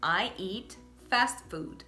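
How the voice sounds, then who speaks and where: A Brazilian woman teaching English in a casual online lesson, cheerful, laughing often and slowly drilling example phrases. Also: medium pitch, lively intonation, sharp tone, faint music behind. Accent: Brazilian Portuguese. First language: Portuguese.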